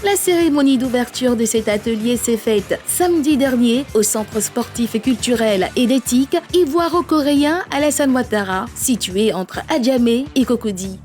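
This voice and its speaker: A woman presenting a sports news bulletin in a steady, formal announcer manner. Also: a little high. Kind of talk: scripted news reading.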